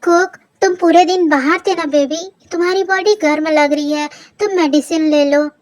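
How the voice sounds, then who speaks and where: A man's voice: very high-pitched, steady tone, normal speed. A reader voicing a stern young man who bosses around and cares for a childish twin, in a fan audio story. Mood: scolding. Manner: bossy, scolding. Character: stern rich young man, gruff caretaker.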